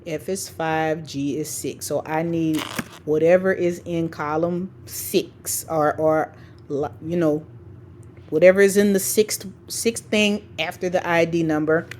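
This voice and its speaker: Lower-voiced woman dictating steps. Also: steady tone, measured pace, darkish tone, a little hiss or hum. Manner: dictating formulas piece by piece; informal, checks in often with "okay" and "right". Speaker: spreadsheet tutorial instructor for educators. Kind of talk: step-by-step screencast instruction. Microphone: screen-recording voice-over.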